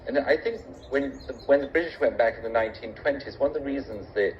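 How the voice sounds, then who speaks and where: A man speaking in a formal public discussion, making his argument in a measured, articulate but hesitant way. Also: medium pitch. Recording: dull, noisy recording with room ambience.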